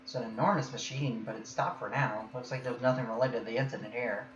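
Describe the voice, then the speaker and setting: A man's voice: medium pitch, steady tone, fast talker. A man reading the main character's lines and narration aloud during a casual group game session, laughing between lines. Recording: echoey, muffled audio with faint noise.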